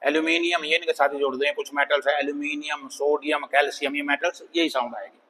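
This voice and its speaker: A man teaching an English phonics lesson, sounding out words slowly and repeating them for students. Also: a little high, steady tone, sharp tone, big-room sound, poor audio. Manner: slow, drawn-out demonstration of words, calls students "bhai".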